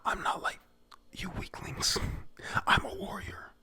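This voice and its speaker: A man's voice: slow, pushed and bright. A man whispering as a cocky boy warrior, whispered role-play. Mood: boastful. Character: boastful boy claiming to be a warrior.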